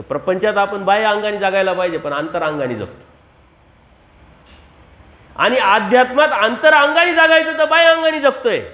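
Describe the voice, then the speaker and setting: A man's voice: sits high, a bit bright. A male Marathi preacher giving a devotional sermon, asking the audience rhetorical questions and repeating key phrases for emphasis. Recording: echoey room.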